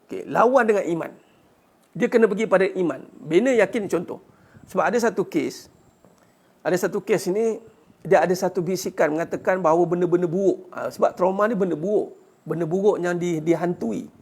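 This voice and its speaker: A man with a high, gravelly voice delivers a religious lecture. He speaks earnestly as a teacher, urging his listeners on. He drops a quick "ha" between points and poses rhetorical questions. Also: a little mellow.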